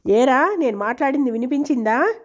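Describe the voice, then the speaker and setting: A woman's voice: high-pitched, lively intonation, brisk. A woman reading the lines of an arrogant, mocking rich landlord who orders his servant around. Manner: taunting, bossy. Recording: dull lo-fi recording.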